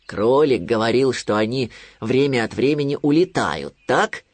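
A man voicing a gloomy, sluggish male bear cub who speaks slowly with sighs. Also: medium pitch, animated, no echo, natural voice. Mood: thoughtful. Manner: slow, sighing, glum.

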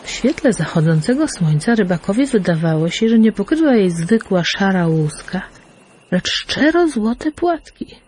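A woman narrating a fairy tale in an expressive, lilting storyteller manner. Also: medium pitch, normal speed, a little hiss or hum. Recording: faint background music.

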